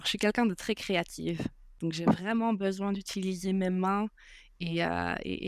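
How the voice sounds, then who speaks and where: A young woman talks as a podcast guest in a relaxed, unhurried way. She pauses often and fills gaps with small hesitations. Her voice is smooth and resonant, and the recording is dry with no room sound. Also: on the low side, no echo. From Belgium. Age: 20s. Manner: hesitant, many filler pauses. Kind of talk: casual interview chat.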